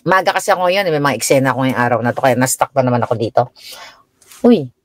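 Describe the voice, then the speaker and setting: Speaking from her home in the United States, a middle-aged Filipina chats on a live stream, telling stories about her grown children and answering viewers. Her voice jumps higher whenever she quotes herself. She is animated and quick, and the recording is dry.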